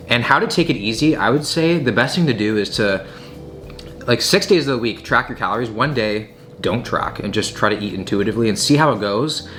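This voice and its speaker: A man's voice: fairly low pitch, a bit bright, slight background noise. A young man hosting a casual question-and-answer chat, speaking informally with lots of filler words and emphatic phrasing. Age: young adult. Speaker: video host answering viewer questions. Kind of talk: casual Q&A chat while tasting food.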